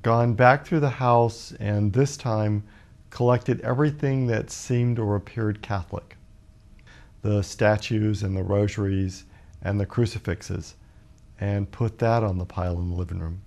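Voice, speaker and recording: A man in his fifties from Alabama, a guest author telling a personal story in a measured, reflective way with many pauses. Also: fairly low pitch, steady tone, darkish tone. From Birmingham, Alabama, USA. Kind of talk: personal storytelling in a talk show interview.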